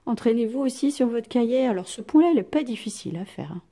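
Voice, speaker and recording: A woman teacher giving a recorded lesson to children, speaking with exaggerated rising and falling intonation and pausing for pupils' answers. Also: a little high, animated, mellow. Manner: slow, exaggerated intonation to demonstrate punctuation; asks pupils questions and leaves pauses for answers. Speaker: primary school teacher.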